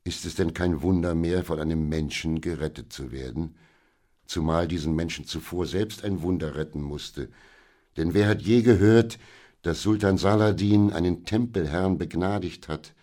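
Wise old storybook merchant, soothing and measured, very deep voice, read by a male narrator. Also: dark tone, lightly acted. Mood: calm. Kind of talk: audiobook character reading.

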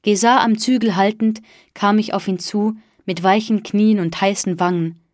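A woman reads a first-person audiobook in a calm, even storytelling voice. Her pitch sits in a middle range, and the recording is dry and close, with no room echo. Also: normal speed. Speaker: narrator.

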